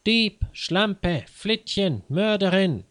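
A man's voice: mid-range voice, expressive, slow pace, dry recording, clean studio sound. A man voicing a furious middle-aged widow who screams insults and scorns her rival. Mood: screaming. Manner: shrieking insults, scornful and self-righteous.

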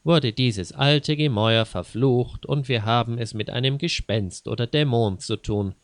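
A man's voice: mid-range voice, unhurried, no echo, natural voice. A man voicing a sarcastic, mocking grown man who taunts a frightened companion in a read-aloud story. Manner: sarcastic, sneering.

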